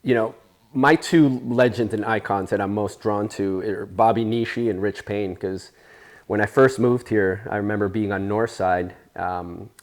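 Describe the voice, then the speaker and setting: A man in his forties with a fairly low voice, raised in Spain, chats through his stories at an easy pace. He rambles a little and fills gaps with "uh" and "you know.". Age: 40s. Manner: easygoing, rambling, with many fillers. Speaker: interview guest, surfer. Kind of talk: casual storytelling interview.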